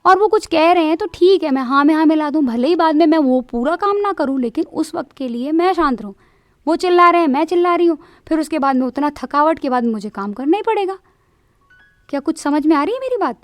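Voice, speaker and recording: A woman voicing a cheerful married friend who gives coaxing, lively advice in a spoken story. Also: sits high, fairly quick, no echo. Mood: persuasive.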